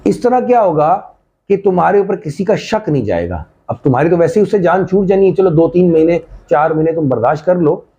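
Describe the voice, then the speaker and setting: A man voicing a scheming middle-aged mother who gives slow, patient advice, recorded on slightly dull lo-fi audio. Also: a little high, expressive, mellow. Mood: scheming, instructive.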